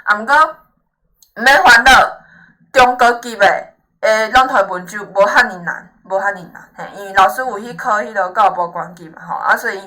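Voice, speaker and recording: Bright-voiced woman teacher with Taiwanese Hokkien accent. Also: medium pitch, normal speed, poor audio. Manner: frequent questioning tags and checks for agreement; encouraging, reassuring. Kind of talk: informal lesson, explaining to a student.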